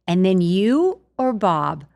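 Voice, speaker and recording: A woman's voice: medium pitch, big pitch swings, slow pace, creaky, a little mellow. A woman in her fifties joins as a guest, reminiscing in easy, casual chat. She laughs along with the host as she recalls old stories.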